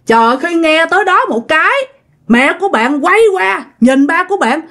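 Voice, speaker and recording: A woman tells a ghost story in a chatty, casual way, often turning to her listeners. Her voice sits high and moves in lively swings of pitch. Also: normal speed. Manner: chatty, addresses listeners directly.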